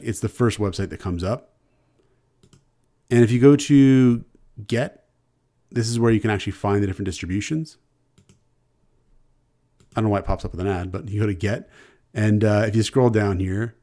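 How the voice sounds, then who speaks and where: A man with a Canadian accent, a university instructor explaining software in a relaxed, conversational screencast lecture, restarting phrases now and then. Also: fairly low pitch. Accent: Canadian English.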